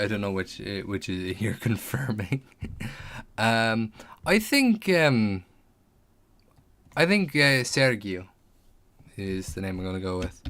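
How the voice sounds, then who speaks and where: Man, fairly low voice, casual live-stream chat, thinking aloud, replying to viewer comments. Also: a bit bright. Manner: thinks aloud, musing over options; chats back to viewers' comments. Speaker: streamer making a tabletop game character.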